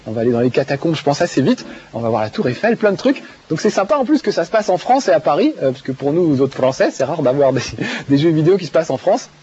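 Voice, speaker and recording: A man's voice: fairly high pitch, sing-song, fast, darkish tone, husky. A male TV video game show host who chats enthusiastically and laughs often while playing a game, with many fillers. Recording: dull TV broadcast audio with faint music.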